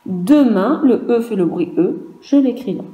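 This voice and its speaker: A woman's voice: a little high, animated, phone-quality sound. Patient French teacher woman, echoey room. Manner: slow, patient, drawing out sounds and asking questions aloud. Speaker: primary school teacher. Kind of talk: recorded virtual class lesson for young children.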